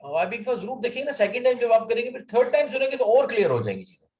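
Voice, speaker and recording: A man's voice: very high-pitched, big pitch swings, very fast, a little mellow, muffled recording, slight background noise. A man teaching a language lesson, explaining patiently, repeating phrases and checking that the student follows.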